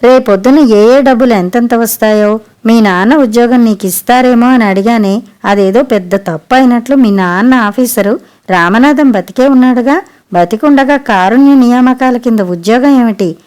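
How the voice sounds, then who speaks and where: A woman voicing a loud, shrewish middle-aged mother in a storybook reading, speaking harshly and scolding. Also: a little high, moderate pace, natural voice. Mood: ranting.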